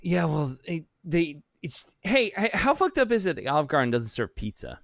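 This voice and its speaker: A man's voice: a little high, sing-song, normal speed, vocal fry, no room sound, studio quality. A man co-hosting a casual comedy podcast, rambling and swearing, often breaking into laughter. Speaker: podcast co-host.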